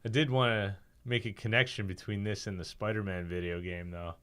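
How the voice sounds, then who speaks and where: A man's voice: on the low side, fairly even intonation, brisk, fairly bright tone, smooth. A man chatting casually and laughing often while he reads comics with friends. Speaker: co-reader. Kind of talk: casual comedic chat.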